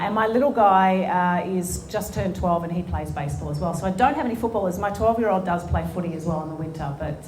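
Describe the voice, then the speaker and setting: An Australian woman in her forties, a sports executive appearing as guest speaker, talks earnestly in an on-stage conversation before an audience in a conference room. Her voice is low and a little mellow, with frequent ums and restarts as she answers. The event room adds an echo, with a faint hiss beneath.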